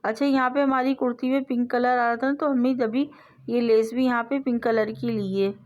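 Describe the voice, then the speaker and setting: A woman's voice: fairly high pitch, fairly even intonation, moderate pace, highs cut off. Patient woman explaining sewing steps. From South Asia. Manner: patient step-by-step explaining, repeats phrases. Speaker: sewing tutorial host. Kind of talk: instructional voice-over.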